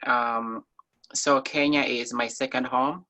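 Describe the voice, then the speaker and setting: A woman's voice: extremely low pitch, fairly even intonation, slow pace, bright, forceful tone. A woman from Somalia, a guest in a conversational interview, talking in an earnest, thoughtful way with frequent ums.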